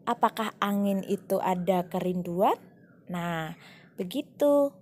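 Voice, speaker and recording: A woman's voice: medium pitch, expressive, takes it slowly, a little mellow, a little hiss or hum. A woman teaching a primary school class in a recorded online lesson, explaining patiently and reading examples aloud with feeling.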